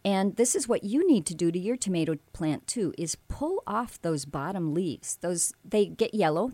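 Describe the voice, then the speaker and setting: A woman from Alaska shares tomato-growing know-how in a low, grounded voice. She explains step by step, pausing on ums and correcting herself as she goes. The recording is dry, with no room sound. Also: warm tone, dry recording. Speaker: gardening expert guest. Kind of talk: casual radio gardening advice.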